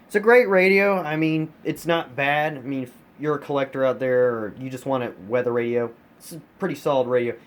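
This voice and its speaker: Talking a little fast with few pauses in a mid-range voice, an American hobbyist casually and emphatically reviews his weather radios, repeating words for stress. He is off screen, filmed handheld on a phone in a carpeted room at home, and the recording is noisy.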